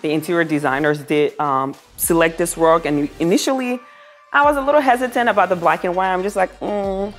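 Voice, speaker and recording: A woman's voice: fairly low pitch, fairly quick. A woman giving a casual home makeover tour to viewers, gushing admiringly about the decor as she goes. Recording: music behind the voice. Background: background music.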